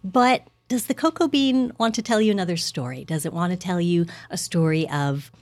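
An effusive woman with a fairly low speaking voice that jumps upward whenever something delights her. She talks about her work in a bubbly, chatty way, full of exclamations. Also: normal speed. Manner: effusive, laughs often, pitch leaps up when excited. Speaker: chocolate wholesaler and marketer, guest. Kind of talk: enthusiastic casual chat.

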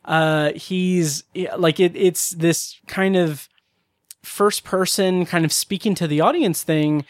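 This is a chatty male podcast co-host with a higher-pitched voice, swearing casually and rambling through his thoughts. The sound is close and dry, with no room echo. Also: takes it slowly. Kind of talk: casual chat.

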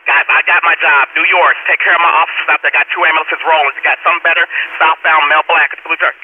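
A man working as a police dispatcher over a police radio, talking in rapid, clipped bursts and repeating codes and locations. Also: on the high side, little pitch movement. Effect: police radio transmission. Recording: tinny police radio with static.

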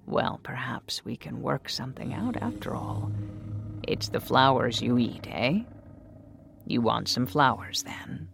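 A storyteller voicing a gaunt, eerily eager male shopkeeper in a hushed, whispery, slow, coaxing voice. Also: medium pitch, expressive, gravelly, noisy background. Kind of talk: storytelling voice acting.

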